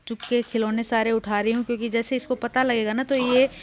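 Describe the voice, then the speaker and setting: A woman with a somewhat high voice chats her way through a casual daily vlog. She speaks straight to her viewers and turns playful and coaxing with her toddler. She is recorded at home. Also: flat delivery, a little fast. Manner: chatty, addresses viewers directly. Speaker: vlogger. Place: family home.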